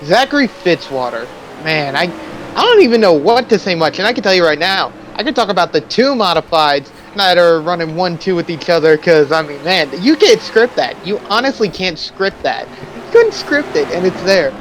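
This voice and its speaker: Excitable rambling male race commentator. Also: high voice, moderate pace, a little hiss or hum, poor audio. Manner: rambling, excitable, laughs a lot. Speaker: color commentator. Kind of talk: sim racing commentary.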